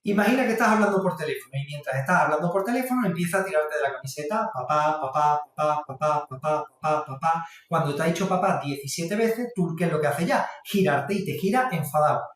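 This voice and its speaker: A man giving a parenting workshop, explaining calmly and speaking straight to the listener. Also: sits high, fast, few pauses, soft background music. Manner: calm, explanatory, addresses the listener directly. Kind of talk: instructional talk to camera. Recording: very echoey room, mic at a distance.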